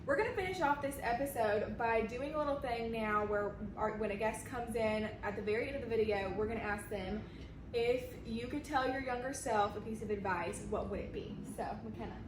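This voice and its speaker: A woman's voice: fairly high pitch, a little fast. A woman co-hosting a talk show, chatting casually. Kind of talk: casual chat. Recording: echoey room, clear background noise.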